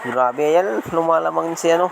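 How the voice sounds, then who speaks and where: A man with a slight lisp from missing front teeth, giving excited casual commentary as a vlog host outdoors. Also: a little high, normal speed, gravelly. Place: outdoors on a rural road, partly riding a motorbike. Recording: outdoor noise, passing motorbikes.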